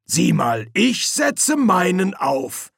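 A man's voice: high voice, wildly swooping pitch, slow, creaky, a bit bright, breathy edge, no room sound, studio quality, pitched above the performer's own voice, heavily acted. A man voicing a bumbling, portly middle-aged army sergeant in an audiobook, with a raised, blustering voice. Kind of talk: audiobook character voice.

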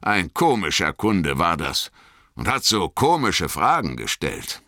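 A man voicing a stout, red-faced hobbit farmer in an audiobook, gruff but hearty, with a loud, folksy manner. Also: low-pitched, sing-song, measured pace, dry recording, clean studio sound, heavily acted. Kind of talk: audiobook character voice.

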